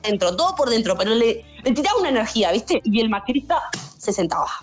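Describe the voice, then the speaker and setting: Young woman doing stand-up style storytelling, chatty and animated, soft music under it. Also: fast talker. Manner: animated, acts out customers in high shouted voices. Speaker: guest storyteller, stand-up comic. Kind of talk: casual podcast chat, comic storytelling.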